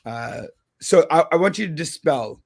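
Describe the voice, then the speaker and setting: A man's voice: a little high, expressive, normal speed, gravelly. A man hosting a radio talk show, asking questions casually with a few restarts. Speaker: host.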